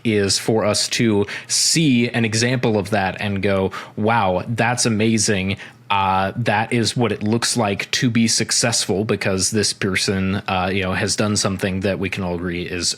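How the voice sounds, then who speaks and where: A man's voice: on the low side, a bit bright. A man co-hosting a podcast in casual chat, rambling with many filler words. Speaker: podcast co-host.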